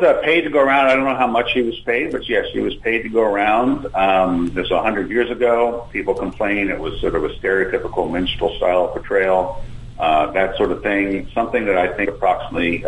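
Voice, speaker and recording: A man phones in on a speakerphone, and his voice comes back hollow and booming, as if he were talking from inside a cave. His voice sits somewhat low, and a faint hiss runs under the line. He argues steadily and keeps checking in with a quick "right?". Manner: argumentative, often ends points with "right?". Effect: hollow cave-like echo of a speakerphone line. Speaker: call-in guest commentator. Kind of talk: phone-in political commentary.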